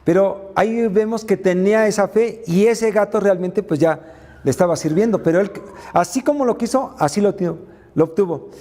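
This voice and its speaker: A man's voice: high voice, moderate pace, warm tone, long reverb tail. A man giving a motivational faith talk, retelling Bible stories with frequent filler sounds. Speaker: faith mentor and speaker.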